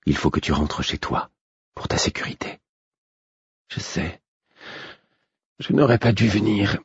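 A man voicing a tender, sleepy young woman in a whispered role-play, speaking in a soft, hushed murmur. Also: on the low side, lively intonation, a little slow, husky, dry recording, muffled recording, pitched above the performer's own voice, exaggerated voice.

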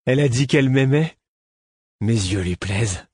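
A tipsy, lovestruck young man, as a male reader puts him on, raised high above the reader's low voice. He talks in an eager, exuberant rush, with a husky edge. The sound is close and dry, like a storybook recording. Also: expressive, normal speed, a little mellow, no room sound. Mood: tipsy joyful. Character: drunk, overjoyed young man in love.

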